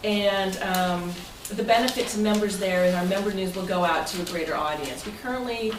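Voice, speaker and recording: A woman with a mid-range voice talks fairly quickly, sounding distant and roomy. As club president she gives an informal presentation to members in a room at their meeting, chatty and rambling with loose phrasing. The recording is noisy and taken from far off.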